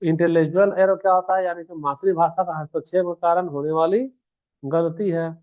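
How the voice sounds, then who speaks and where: A male teacher gives an exam-prep lecture in a slightly high voice. He keeps asking the class questions and then answers them himself. The sound is thin and phone-like. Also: fairly even intonation, normal speed.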